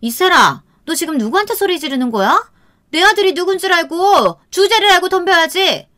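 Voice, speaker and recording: A woman voicing a rude, arrogant younger sister-in-law who sneers and scolds in a high, shrill voice. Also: animated, a little fast, fairly bright tone. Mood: shrill scolding.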